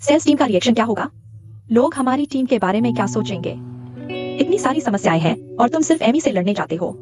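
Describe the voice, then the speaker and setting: A woman's voice: fairly high pitch, lively intonation, quick pace, lightly acted. A woman dubbing a stern senior colleague who leads a team, scolding and professional. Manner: scolding, crisp. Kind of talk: Hindi dub of a TV drama. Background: music.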